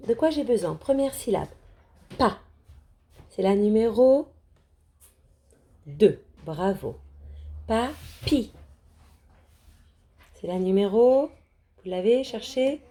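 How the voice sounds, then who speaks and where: Slow, sing-song woman teaching children. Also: fairly high pitch, sing-song, mellow. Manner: cheerful, encouraging. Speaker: primary school teacher. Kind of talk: reading lesson for young children.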